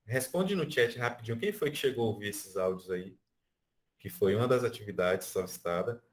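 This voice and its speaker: A man's voice: fairly low pitch, lively intonation, brisk. A Brazilian man teaching an online music class, explaining by counting beats and stretching out syllables. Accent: Brazilian Portuguese. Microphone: video call.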